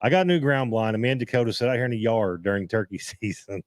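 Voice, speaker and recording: Rambling low-voiced man host. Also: no echo, studio quality. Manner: rambling, halting, restarts sentences. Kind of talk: casual live-stream chat.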